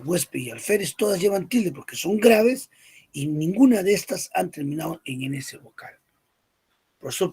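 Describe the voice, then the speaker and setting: Man, teacher, husky voice, repeats key points, checks understanding, fairly high pitch. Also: a little mellow. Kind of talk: spoken language lesson.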